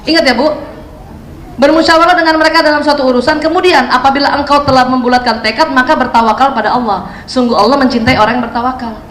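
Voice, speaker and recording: A woman giving a lively, chatty talk on parenting to an audience of mothers and acting out scenes between mother and child. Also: high voice, fast talker. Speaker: parenting speaker. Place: hall with an audience. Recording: echoey hall, faint ambience.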